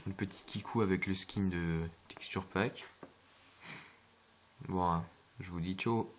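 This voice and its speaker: A man's voice: sits low, fairly even intonation, slow pace, a little hiss or hum. A man giving casual, rambling gameplay commentary with hesitations and jokey asides, recorded on a home computer mic. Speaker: gameplay video maker.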